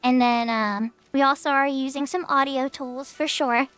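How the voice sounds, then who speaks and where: A woman's voice: high voice, steady tone, normal speed, fairly bright tone, clean tone. A woman livestreamer chatting casually while gaming, in a cute anime-girl manner.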